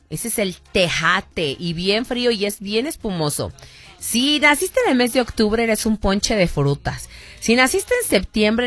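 A woman's voice: medium pitch, fairly bright tone. A woman radio host with a Mexican accent, chatting casually with listeners and reading out their messages. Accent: Mexican Spanish.

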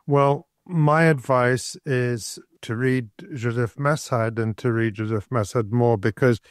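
A man hosting an interview, speaking in a measured, formal and deferential way. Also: medium pitch, clear, resonant tone, dry recording, studio quality. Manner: courteous, deferential. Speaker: interview host.

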